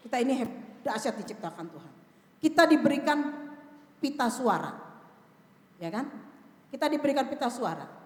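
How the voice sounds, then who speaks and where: A woman pastor delivers a sermon in a high voice, emphatic and full of rhetorical questions to her listeners. The sound is roomy, with a long reverb tail from a large church hall. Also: darkish tone.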